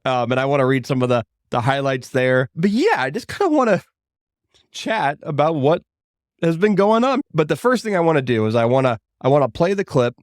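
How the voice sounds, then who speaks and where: A man's voice: a little high, big pitch swings, brisk, no room sound. A man in his thirties hosting a casual solo podcast from his home studio, chatty and upbeat with rambling asides. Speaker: podcast host.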